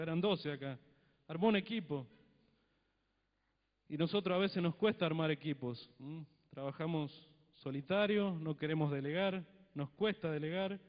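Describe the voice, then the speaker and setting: In a church hall, a middle-aged man from Mendoza, Argentina, preaches into a handheld mic with a slightly high voice and a Cuyo accent. The sermon is conversational, peppered with tag questions and short acted dialogues. Sound quality is dull and lo-fi, and the hall adds a long reverb.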